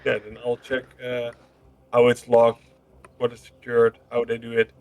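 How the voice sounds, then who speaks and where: A man's voice: medium pitch, completely flat delivery, unhurried, darkish tone. A man chatting casually as a player in a tabletop role-playing game.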